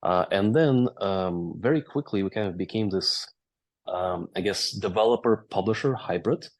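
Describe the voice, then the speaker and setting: A deep-voiced Latvian man in his thirties, a company founder, speaks at a moderate pace with a Latvian accent. He's a guest in a casual interview, telling his story fluently while often dropping in "uh" and "right?".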